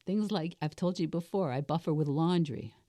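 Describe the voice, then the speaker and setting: A woman in her sixties, slightly unwell with something like a cold, thinks aloud on a solo podcast, coaching herself by asking and answering her own questions in a deliberate, reflective way. Her voice is deep, raspy, and mellow. The studio sound is clean with no echo.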